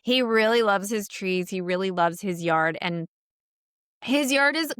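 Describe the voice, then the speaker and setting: A woman co-hosts a relaxed podcast conversation, speaking with earnest emphasis and a mid-range pitch. Her pace moves freely between quick and drawn-out. The recording is dry and close. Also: clean tone, no echo. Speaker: podcast co-host and coach.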